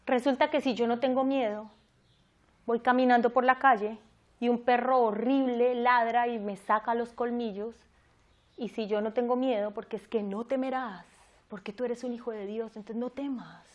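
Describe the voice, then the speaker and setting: A woman's voice: fairly high pitch, steady tone, normal speed, highs cut off. A woman giving a conversational church teaching talk, often asking her listeners questions. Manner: conversational, asks the audience questions.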